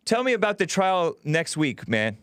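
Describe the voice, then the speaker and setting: Male talk radio host, casual conversation, very clean smooth tone, close dry studio sound. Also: on the high side, very animated, moderate pace, a bit bright, dry recording. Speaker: call-in radio show host. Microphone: close studio microphone.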